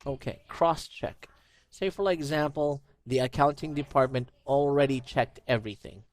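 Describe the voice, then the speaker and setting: A man's voice: medium pitch, normal speed, dry recording. Patient male English teacher on a call. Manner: patient, explains with everyday examples, frequent "you know". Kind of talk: online one-on-one English lesson.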